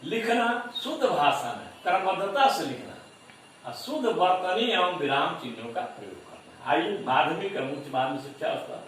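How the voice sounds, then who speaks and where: Man, lecturer, slow and deliberate, lively rising and falling pitch, echoey room, distant mic. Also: slight background noise. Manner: slow, deliberate, repeats example words for emphasis. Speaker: teacher education lecturer. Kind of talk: classroom lecture.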